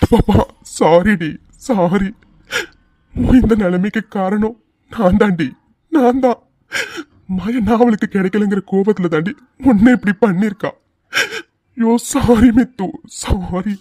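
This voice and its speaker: A man voicing a hot-tempered, fiercely loving young hero in a cartoon, rough-spoken and quick to tears. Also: high-pitched, dark tone, dry recording, clean studio sound. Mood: remorseful. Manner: fiery, rough-spoken, breaks into sobs. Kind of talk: cartoon voice dubbing.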